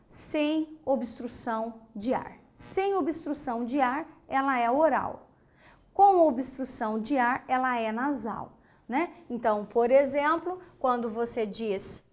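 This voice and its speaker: Woman from Brazil, online grammar teacher; high voice, slow patient delivery, keeps checking the class follows. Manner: explains slowly, asks rhetorical questions, checks understanding with "tá?"; demonstrates sounds by voicing them aloud.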